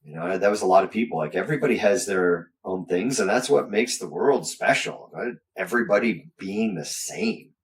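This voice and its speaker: A man with a deep voice talks casually, recounting events in a halting, rambling way. Sentences often trail off or restart. He sounds slightly distant from the microphone. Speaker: guest, business owner recounting an incident.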